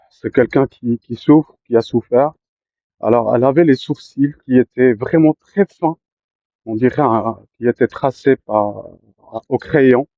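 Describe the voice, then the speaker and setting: Man in a halting personal monologue, mid pitch, dry and slightly muffled recording. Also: dry recording. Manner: hesitant, many fillers and restarts. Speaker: storyteller recounting his life. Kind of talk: personal storytelling to camera.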